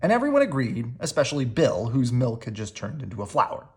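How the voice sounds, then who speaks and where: A storybook reader with a mid-range voice reads a children's book aloud briskly, expressive and animated, leaning on words for dramatic emphasis.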